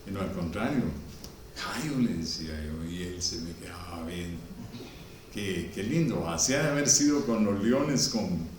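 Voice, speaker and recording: A man's voice: sits low, moderate pace, far from the mic. Preaching man in an echoey church. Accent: Guatemalan Spanish. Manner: preachy, rises to loud exclamations then drops to soft storytelling. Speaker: pastor. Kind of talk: sermon. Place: church hall. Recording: echoey room, speaker off-mic, faint background noise.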